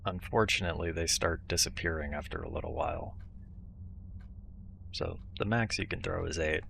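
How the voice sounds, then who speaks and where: Low gravelly guy playing a horror game, muttering to himself, bit of background noise. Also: huge pitch swings, moderate pace, a bit bright. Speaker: video game streamer. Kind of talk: casual horror game commentary.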